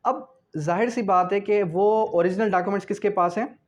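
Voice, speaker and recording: A bit fast and high-pitched, a man gives a teaching-style law lecture in which he reads out clauses, explains them, and raises questions only to answer them himself. The recording is dull and lo-fi.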